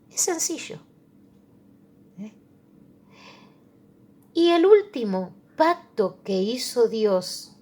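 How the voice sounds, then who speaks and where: A woman's voice: mid-range voice, a little mellow. A woman with an Argentine accent giving a religion lesson to children, patient and plain, checking in often with her listeners. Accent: Argentine Spanish. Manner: patient, checks in with "¿eh?" and simple examples. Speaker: religion teacher. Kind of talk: slow catechism lesson for children.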